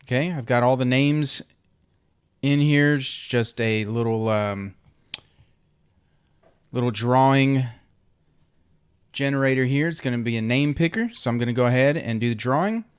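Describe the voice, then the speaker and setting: A man hosting an online group, making a casual, unscripted giveaway and sale announcement with an informal, halting delivery. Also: mid-range voice, clean tone. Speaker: host of an online trading group.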